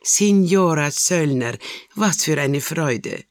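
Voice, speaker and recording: An excitable older Italian woman, dramatic and warm-hearted, as a man puts her on in a storybook reading. She bursts out in emphatic, raised, loud phrases. The voice keeps a gravelly edge in a dry close sound. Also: fairly high pitch, normal speed, no echo, voice pushed up. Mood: emotional. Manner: emphatic, emotional outbursts.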